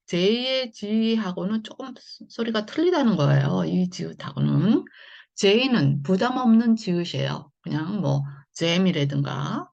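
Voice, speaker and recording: Gravelly low-voiced woman teaching phonics. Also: darkish tone, highs cut off. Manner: slow and patient, with many fillers. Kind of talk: explanatory online lesson.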